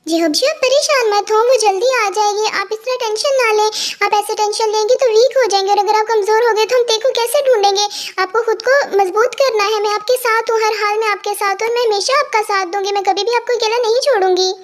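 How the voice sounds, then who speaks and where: A woman voicing a gentle young woman in a fan audio story, soothing and reassuring. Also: very high voice, quick pace, few pauses.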